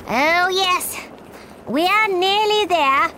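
A woman's voice: very high voice, takes it slowly, background noise, voice pushed up. A woman reading a storybook aloud, voicing a bossy, commanding queen who urges and instructs. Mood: urgent. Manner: imperious, urging, instructive.

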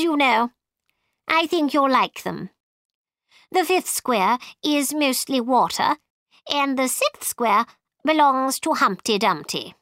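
A woman's voice: sits high, a bit bright, no room sound, studio quality, pitched above the performer's own voice, exaggerated voice. A woman reading a storybook aloud, voicing a bossy, commanding queen who urges and instructs. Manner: imperious, urging, instructive.

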